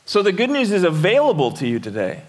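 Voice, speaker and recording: A middle-aged male pastor delivers a sermon in a relaxed, conversational way. His voice sits slightly high, and he often repeats a word before going on. He keeps asking the listeners questions. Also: fast. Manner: conversational preaching with repeated words and rhetorical questions.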